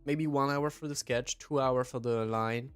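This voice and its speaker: A young livestreamer from southwest France, French accent audible, has a mid-range voice that's clear and resonant, with a steady tone at normal speed. He chats casually and reads chat aloud, hesitantly and with many fillers and restarts. Faint music is audible behind him.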